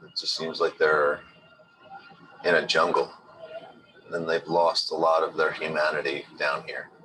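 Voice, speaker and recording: A man's voice: extremely low pitch, level tone, unhurried. A man talking casually and matter-of-factly as a local guide in a documentary interview. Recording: noticeable street or vehicle noise.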